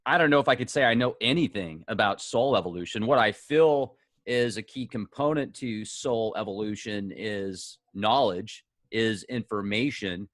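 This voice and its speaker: A man's voice: lowish voice, moderate pace, no echo. Chatty male interview host, dry sound. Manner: chatty, loose, laughs now and then. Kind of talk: casual interview chat.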